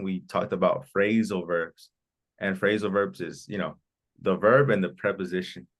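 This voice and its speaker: A man with a very low, deep voice leads an English class from the United States. He is encouraging and echoes his students' answers back to them. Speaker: English teacher. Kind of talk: online class Q&A.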